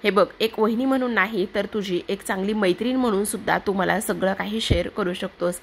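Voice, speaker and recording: A woman reading out the lines of a caring, patient young sister-in-law who coaxes and pleads gently, in a TV serial recap. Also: medium pitch, brisk, gravelly, slight background noise, close to an everyday voice. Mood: coaxing. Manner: coaxing, pleading.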